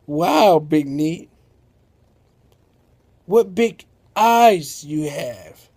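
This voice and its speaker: A jittery shopkeeper in a told-aloud story, always nervous and wide-eyed, voiced by a man. His voice sits high and mellow, and his words come slowly. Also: expressive, heavily acted. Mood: wondering. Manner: nervous, wondering. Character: timid male shopkeeper, easily frightened.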